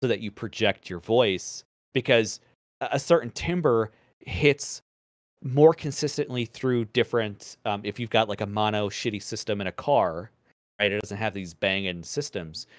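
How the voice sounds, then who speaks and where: A former radio man speaks in a low, resonant voice pushed from the diaphragm. His delivery is measured and deliberate even in loose podcast chat, with casual swearing. The recording is dry and close, with no room sound. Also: dry recording.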